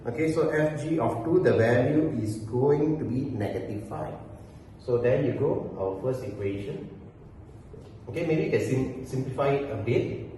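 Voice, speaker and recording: A man's voice: mid-range voice, normal speed, dark tone, slight background noise. A man teaching math step by step, asking himself "why?" and filling with "okay" as he works through the problem. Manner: explains step by step, asks and answers his own "why?", fillers of "okay". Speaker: math lecturer. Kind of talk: whiteboard math tutorial. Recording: very echoey hall, mic far off, faint ambience.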